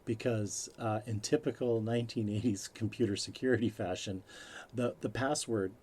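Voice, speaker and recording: A man's voice: fairly low pitch, steady tone, normal speed, a little mellow, slight background noise. A man co-hosting a podcast, easily recapping a film's plot in casual chat. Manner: recaps plot at length, easygoing. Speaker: podcast co-host. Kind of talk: casual movie review chat.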